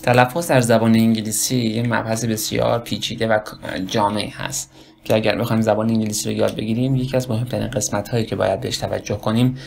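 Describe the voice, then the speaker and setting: A man with a Persian accent giving a casual spoken lesson on English pronunciation, rambling and correcting himself as he slowly demonstrates words. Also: lowish voice, level tone, gravelly, a little mellow.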